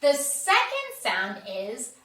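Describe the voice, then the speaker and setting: Speaking slowly in a high, sharp voice with huge pitch swings, a kids' yoga and story time host gives simple, upbeat, repeated instructions in a sing-song manner. The recording echoes around the room from a distant mic.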